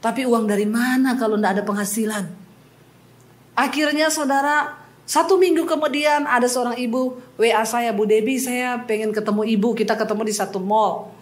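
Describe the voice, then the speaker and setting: High-voiced woman pastor preaching. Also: moderate pace. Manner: lively personal storytelling with humor, addressing the congregation directly. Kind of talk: sermon. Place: church service before a congregation.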